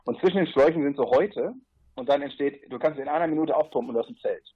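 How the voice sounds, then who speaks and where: A man with a fairly high, husky voice talks rapid-fire as a guest in a relaxed podcast interview. He rambles about his long river trip as a paddler, dropping in fillers and asides, and the recording is muffled.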